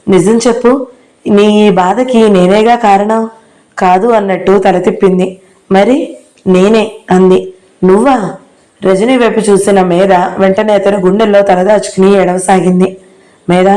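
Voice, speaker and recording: Woman, audio novel narrator, mellow dark tone, calm steady storytelling. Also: mid-range voice, low-quality recording. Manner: calm, unhurried storytelling, lifting her voice for the characters' dialogue. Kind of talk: reading a novel aloud.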